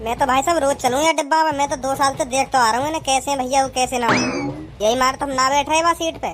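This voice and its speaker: A woman's voice: sits high, fairly even intonation, quick pace, lightly acted. Woman voicing brash cartoon villager men. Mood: bossy. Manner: loud, threatening, rustic banter. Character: rowdy village men quarrelling on a train. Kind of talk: cartoon voice acting. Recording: music bed under voice.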